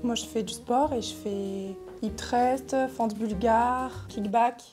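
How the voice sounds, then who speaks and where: Relaxed woman in her twenties. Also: fairly high pitch, slow, music in the background. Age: 20s. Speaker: contestant.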